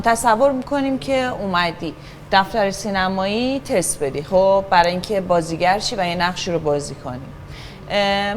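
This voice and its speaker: A woman runs a children's acting class in a patient, encouraging way, giving instructions and calling the room to order. Her pitch sits in an ordinary middle range. A faint hiss of room noise stays low behind her.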